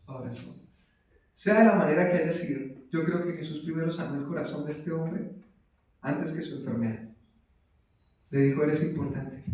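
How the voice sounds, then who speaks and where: A man preaching a sermon who often turns questions to his listeners and moves between loud cries and soft asides. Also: on the high side, slight background noise. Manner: animated, rising to loud exclamations and dropping to soft asides. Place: church hall. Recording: echoey hall, mic at a distance.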